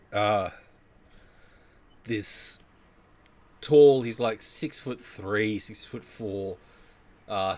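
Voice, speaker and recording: Slow, low-voiced man running a tabletop game. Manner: loose, searching for words with um and like. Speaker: game master.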